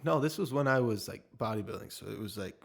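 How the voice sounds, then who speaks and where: A man's voice: lowish voice, animated, quick pace, vocal fry, slightly rough. A man co-hosting a podcast in casual chat, playful and jokey. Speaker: podcast co-host.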